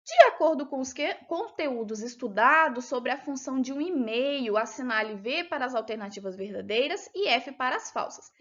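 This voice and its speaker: A Brazilian woman teacher with a high voice walks young pupils through a test one answer at a time. She speaks patiently and keeps checking that they follow. The recording sounds dull and lo-fi. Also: lively intonation, moderate pace, hardly any pauses. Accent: Brazilian Portuguese. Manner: patient, explains step by step, asks checking questions. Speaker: primary school teacher. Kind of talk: recorded lesson going over a test.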